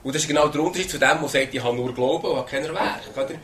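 A man's voice: on the high side, racing, fairly bright tone, a little hiss or hum. A man with a Swiss German accent preaching a sermon in an earnest way, often repeating words and asking "oder?".

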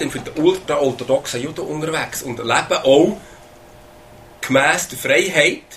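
A man's voice: fairly high pitch, fairly bright tone, slight background noise. A man with a Swiss German accent preaching a sermon in an earnest way, often repeating words and asking "oder?".

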